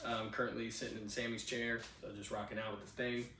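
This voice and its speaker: Speaking fast with a flat, sharp-toned delivery at medium pitch, this podcast host sounds roomy and far from the mic. He's a Cuban-born man in his twenties sharing personal stories into a handheld mic in a spare bedroom, relaxed and chatty, with frequent "you know what I'm saying."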